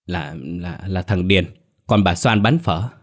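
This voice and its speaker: A man's voice: lowish voice, very animated, fairly quick, husky. A man voicing a frightened pregnant young village girl who pleads and stammers through tears. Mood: hesitant.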